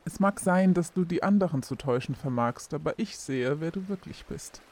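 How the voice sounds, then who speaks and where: A woman's voice: sits low, expressive, normal speed, a little mellow, slight background noise. A woman voicing a menacing, mocking young man in an audiobook, with a sneering, threatening manner.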